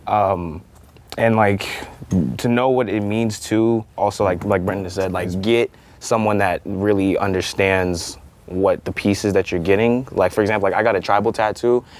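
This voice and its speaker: A young man sits on a panel in a college TV studio, chatting casually at a moderate pace in a fairly low voice. He tells stories animatedly, full of slang and filler words.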